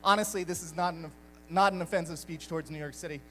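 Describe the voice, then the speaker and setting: A high-voiced young man from Belgium talks to a live crowd with upbeat, joking energy. He asks the audience questions and keeps things light. Faint music sits under his voice. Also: fast, poor audio. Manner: lively, jokey, addresses crowd directly. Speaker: speaker at a live community talk night.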